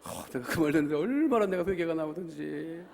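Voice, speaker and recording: A middle-aged male pastor delivers an impassioned revival sermon. His voice sits high and keeps bursting into shouts. It is miked through a PA, and a long reverb rolls through the large church hall. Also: lively intonation, fairly quick, vocal fry. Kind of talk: revival sermon with story and prayer.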